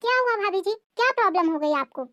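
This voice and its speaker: Cartoon sister-in-law, young and scornful, voiced high and nagging by a woman; dry recording. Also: animated, fast talker, fairly bright tone, no room sound. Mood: irritated. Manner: taunting, nagging. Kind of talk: cartoon family drama voicing.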